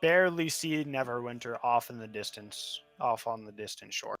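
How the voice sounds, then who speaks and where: A man's voice: mid-range voice, moderate pace, a bit bright, soft background music. A man narrating a tabletop game as game master in an informal, direct way.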